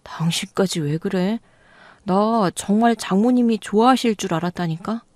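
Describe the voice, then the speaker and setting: A woman's voice: mid-range voice, normal speed, darkish tone, no room sound, lightly acted. A woman voicing a clueless, defensive husband. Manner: defensive, pleading. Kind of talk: storytelling radio reading.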